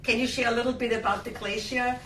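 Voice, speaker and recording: A woman's voice: a little high, fairly even intonation, fast talker, a bit bright. Chatty woman selling skincare. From Austria. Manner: chatty, enthusiastic sales talk with many fillers. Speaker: skincare brand host. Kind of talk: live shopping-show interview. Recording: roomy, distant mic, faint hum.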